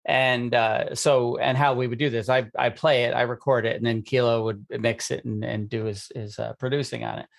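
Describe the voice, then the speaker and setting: A man's voice: mid-range voice, little pitch movement, moderate pace, vocal fry, hardly any pauses. A man co-hosting a podcast, a musician who muses aloud, full of fillers and restarts. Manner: musing, filler-heavy. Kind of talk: casual conversation.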